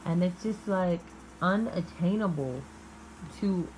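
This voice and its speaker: A woman with a low voice gives an intimate, off-the-cuff tarot reading. She speaks very slowly, musing and halting with long pauses between phrases. There is clear noise behind her voice. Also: darkish tone, poor audio. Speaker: tarot reader.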